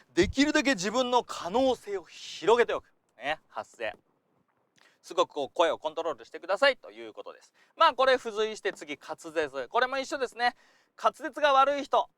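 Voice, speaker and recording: A man's voice: very high voice, fairly quick, no echo. A man giving a chatty lesson as an acting coach, talking casually and acting out little examples as he goes. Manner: lively, chatty, acts out examples.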